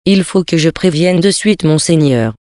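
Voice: medium pitch, expressive, moderate pace, darkish tone, no room sound, studio quality, natural voice. A reader voicing a flustered, pious elderly country priest who stammers in alarm, in a storybook reading.

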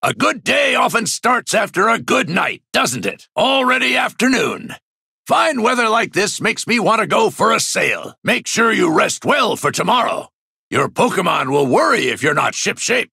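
An actor playing a gruff old sea captain in a video game, a proud, stern mentor with a raspy, gravelly voice and hearty, commanding bluster. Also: male voice, sits high, bright, forceful tone, no room sound, clean studio sound, heavily acted. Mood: calm, advising. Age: older. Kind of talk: video game character voice lines.

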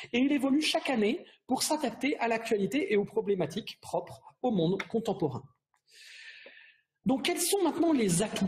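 A middle-aged man presenting a university prep course over slides, explaining in a measured way with frequent hesitations and restarts. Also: high voice, darkish tone.

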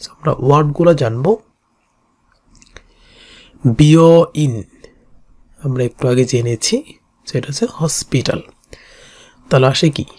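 Slow, repeating Bengali teacher voice. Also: mid-range voice, darkish tone. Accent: Bangladeshi Bengali. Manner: repeats each reading slowly, explains stroke by stroke. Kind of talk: kanji lesson in Bengali.

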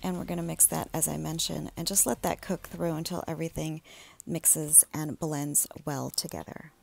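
Relaxed woman with a gravelly low voice. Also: normal speed. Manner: relaxed, chatty, with fillers and small laughs. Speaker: home cook vlogger. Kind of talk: casual cooking voice-over.

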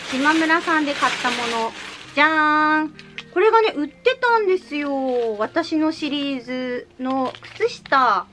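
A woman's voice: high voice, a bit bright. A woman chatting cheerfully in a casual haul video, showing off things she bought with playful little reveals. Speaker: vlogger showing recent purchases.

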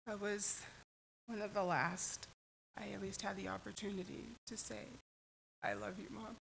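A woman giving a slow, heartfelt tribute to her mother at a church memorial service. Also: medium pitch, vocal fry, a bit bright, slight background noise, low-quality recording. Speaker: eulogy speaker, child of the deceased. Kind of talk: memorial eulogy.

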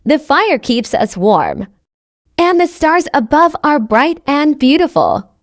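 Taking it slowly, a high-voiced, lively woman reads a simple scripted story meant for language learners. She articulates every phrase carefully and says sentences again identically, in a close, dry recording free of room echo.

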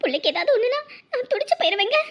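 A woman's voice: very high-pitched, big pitch swings, rapid-fire. A woman voicing a scheming, fretful stepmother in a cartoon drama. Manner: whining, fretful.

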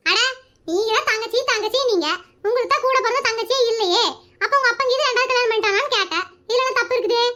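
A woman voicing a shrill, sharp-tongued cartoon wife. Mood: mocking. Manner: quick scolding retorts. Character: sharp-tongued married woman, scolding and teasing. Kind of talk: animated comedy voice acting.

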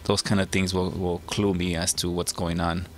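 A man working as an HVAC technician, explaining his maintenance steps in a relaxed way with plenty of fillers, a little out of breath from his mask. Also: low voice, moderate pace, slight background noise. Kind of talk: casual how-to narration while working. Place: house basement and yard, on a service call.

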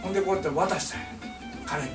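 A man's voice: high voice, rapid-fire, roomy sound, recorded from a distance, over music. An older man with a Kansai accent telling a comic family story, acting out voices and laughing through his lines. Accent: Kansai Japanese. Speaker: painter telling stories to a small audience.

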